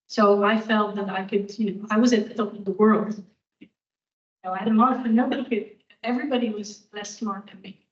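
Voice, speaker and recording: A woman's voice: mid-range voice, fairly even intonation, a little fast. A woman guest speaker answering audience questions in a candid, reflective way. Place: university lecture hall. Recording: echoey hall, distant dull room mic.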